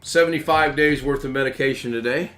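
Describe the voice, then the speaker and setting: A man's voice: mid-range voice, brisk, a bit bright. A man from the United States hosting a live stream in rambling, casual chat, chuckling as he goes.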